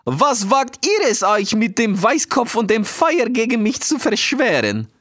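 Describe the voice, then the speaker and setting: A proud sea eagle king bellows in outrage, his voice strained and far above normal. He drags every word out slowly. The room sounds dry. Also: sing-song, dry recording, exaggerated voice. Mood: outraged. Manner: high, indignant, slow shouting.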